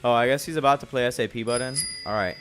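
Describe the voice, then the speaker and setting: A man's voice: mid-range voice, fairly quick, fairly bright tone, faint music behind. A man streamer relaxedly explaining game strategy in casual commentary.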